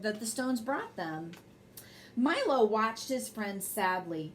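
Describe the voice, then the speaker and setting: With a mid-range voice, a woman serving as storybook reader and host expressively reads a bedtime tale for children and occasionally speaks briefly to her young listeners. Slight background noise is present.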